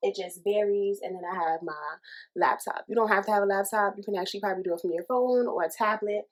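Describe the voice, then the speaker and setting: A woman who runs a small candle business gives a casual, chatty how-to tutorial, calling her viewers y'all and sounding a little out of breath. She talks fast in a mid-range voice.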